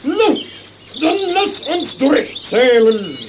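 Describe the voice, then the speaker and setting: A man's voice: extremely high pitch, big pitch swings, slow pace, exaggerated voice. A man playing a vain, bossy king in a comedy sketch, giving pompous, whiny orders over noise and birdsong. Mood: impatient, imperious. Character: vain, impatient, bossy king hungry for adoration.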